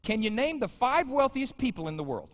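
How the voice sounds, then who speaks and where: A man's voice: extremely high pitch, sing-song, brisk. A man in his fifties preaching a sermon as pastor, conversational and joking with the congregation. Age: 50s. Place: large church sanctuary. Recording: church sanctuary with long reverb.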